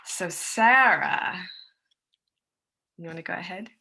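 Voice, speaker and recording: A woman's voice: lowish voice, slow pace, sharp tone. An American woman giving a friendly, chatty conference presentation over a video call, with plenty of loose fillers. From United States. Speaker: presenter, musician and songwriter.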